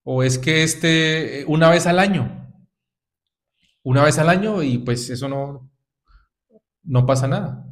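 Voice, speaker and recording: A man's voice: on the high side, unhurried, long pauses. A man preaching a sermon to his congregation, exhorting them with repeated rhetorical questions and calls of "brothers". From Colombia.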